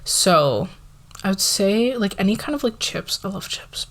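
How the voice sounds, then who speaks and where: An eighteen-year-old woman chatting casually as an ASMR creator answering viewer questions, soft-spoken and relaxed, filling her sentences with "like" and sometimes slipping into a whisper. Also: mid-range voice, measured pace. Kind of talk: casual Q&A chat.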